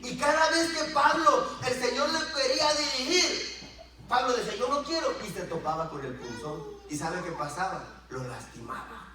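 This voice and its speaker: High-voiced preaching man in an echoey church. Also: normal speed, crowd noise. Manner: animated preaching, acting out dialogue with rising and falling voice. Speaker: pastor. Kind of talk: sermon. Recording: echoey church room, distant mic.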